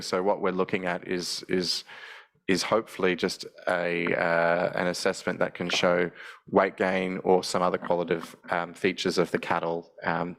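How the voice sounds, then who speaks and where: A man speaks low and flat, with a gravelly rasp. He answers webinar questions into a headset, stopping and restarting often. The delivery stays even and unhurried. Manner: hesitant, many ums and restarts. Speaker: forestry project officer.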